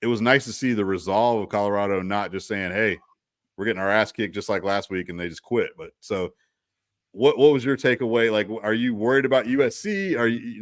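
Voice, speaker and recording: On a casual college football talk show, a male co-host rambles with frequent restarts, asides and lots of "you know". His voice is mid-range, and the studio-quality recording has no echo.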